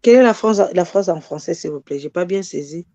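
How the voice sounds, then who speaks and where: A man's voice: sits high, expressive, fairly quick, mellow, highs cut off. A man taking part as a student in an online language class, giving brief replies and repeating words. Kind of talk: class participation.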